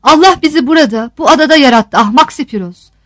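A woman's voice: sits high, fast talker, no echo, natural voice. A woman voicing a fiery old island woman, scornful and defiant. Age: older. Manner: mocking, scolding rhetorical questions.

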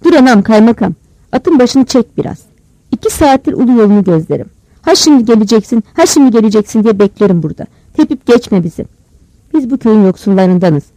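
A reader voicing a fierce, sharp-tongued old village grandmother who barks orders and scolds. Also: medium pitch, expressive, a little fast, no echo, close to an everyday voice, low-quality recording. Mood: pleading.

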